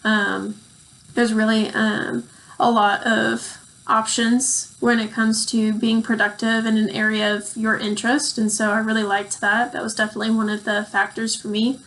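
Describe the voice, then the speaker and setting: Young woman, surgical resident, higher voice, narrow pitch range, unhurried testimonial. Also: monotone, a bit bright. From Texas, USA. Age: young adult. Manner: unhurried, explanatory, frequent "um". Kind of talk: recorded testimonial.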